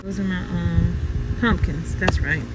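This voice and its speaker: A woman's voice: on the low side, fairly even intonation, a little slow, over music, rough recording. A woman casually walking viewers through her backyard garden, chatty and exclamatory, calling them y'all. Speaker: home gardener vlogger.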